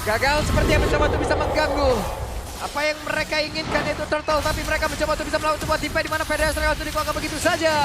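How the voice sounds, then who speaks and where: An excitable esports caster, a man with an Indonesian accent and a very high-pitched voice. He delivers play-by-play commentary that keeps breaking into shouts. Clear music plays behind him. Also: rapid-fire, a loud crowd.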